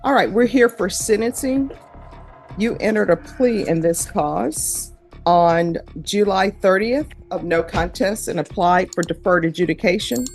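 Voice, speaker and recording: Fields: Sex: woman. Role: judge. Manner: brisk, formal, businesslike. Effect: courtroom recording. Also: medium pitch, a little mellow, faint music behind.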